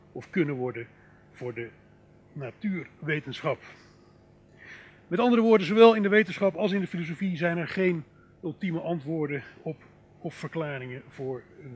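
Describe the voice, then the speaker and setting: Man, middle-aged, reflective lecture, fillers, slightly high voice, faint rumble behind. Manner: reflective, many fillers and asides to the audience. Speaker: philosopher giving a public lecture. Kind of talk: thoughtful lecture. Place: lecture hall.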